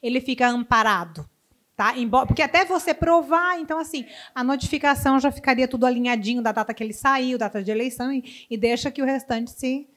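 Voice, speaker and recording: A woman's voice: sits high, fast, fairly bright tone. A woman speaking on a professional panel, giving emphatic, direct advice to the audience. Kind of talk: panel discussion.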